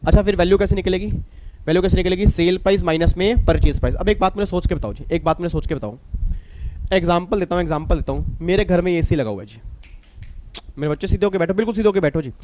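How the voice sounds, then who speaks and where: A middle-aged man with an Indian accent teaching a tax class, lively, repeating his points and teasing students. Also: high voice, fast talker, background noise. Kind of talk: recorded classroom lecture.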